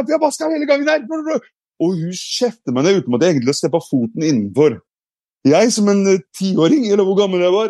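A man's voice: on the high side, mellow, no echo, studio quality. A man giving a casual explanatory talk, reflective, with frequent hesitations and restarts. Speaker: speaker.

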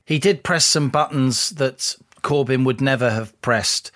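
A man co-hosting a political podcast, laying out his analysis in a measured, deliberate way. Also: mid-range voice, fairly bright tone. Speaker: podcast co-host, columnist.

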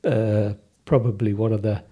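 A middle-aged or older man with a soft Sunderland accent, recalling things hesitantly as an interview guest. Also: fairly low pitch, flat delivery, normal speed, slightly rough. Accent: softened Sunderland. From North East England, Sunderland area. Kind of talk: casual recollection in an interview.

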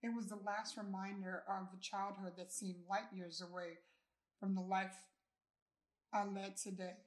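A woman reading a first-person story in a slow, measured way as the narrator. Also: medium pitch, flat delivery. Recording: roomy echo.

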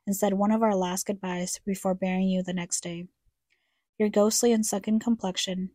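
A woman's voice: medium pitch, mellow, dry recording, clean studio sound. A young woman reading a scripted, somber personal narration, speaking reflectively to her late mother. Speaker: podcast co-host narrator.

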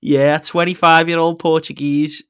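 Brief: man, podcast host, slightly high voice, chatty, quick to laugh, quizzing his co-host. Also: level tone, a bit bright, clean tone. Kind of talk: casual football podcast chat.

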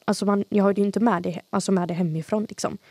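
A young woman with a light Gothenburg accent chatting casually as a podcast co-host, with a dry way of talking that sounds sarcastic even when she means it. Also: mid-range voice, breathy edge, dry recording. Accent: light Gothenburg Swedish. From Sweden, grew up in Gothenburg. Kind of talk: casual chat.

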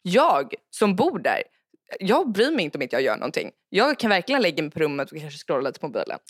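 Lively teasing woman. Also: on the low side, dry recording, studio quality. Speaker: podcast co-host. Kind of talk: casual chat.

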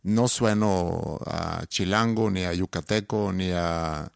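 A man's voice: deep voice, takes it slowly, vocal fry, clear, resonant tone, no echo, clean studio sound. Swedish-born man with a Monterrey lilt. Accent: Monterrey Spanish with a slight foreign tinge. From Sweden. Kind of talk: casual chat.

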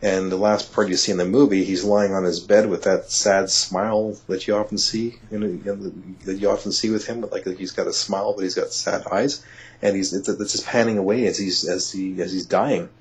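A man talking as an interview guest, telling a personal story in a halting way, full of restarts and "you know", and he gets excited when he is amazed. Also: low-pitched, breathy edge. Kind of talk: conversational storytelling. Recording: dull lo-fi audio.

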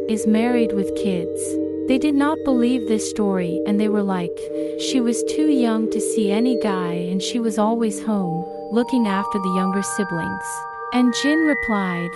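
A woman from Turkey, narrating a paranormal anecdote as a storyteller. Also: medium pitch. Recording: music behind the voice. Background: prominent music.

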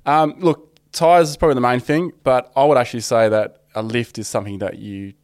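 A man's voice: medium pitch, steady tone, fairly quick, darkish tone, dry recording, studio quality. An Australian man talking as a podcast guest in an informal, matey, conversational way. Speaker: podcast guest with own four-wheel drive channel. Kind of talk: casual chat.

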